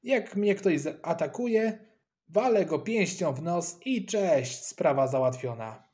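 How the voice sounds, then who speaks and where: A man voicing a scrappy schoolboy who is quick to fight, loud and mocking. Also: a little high, animated. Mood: defiant.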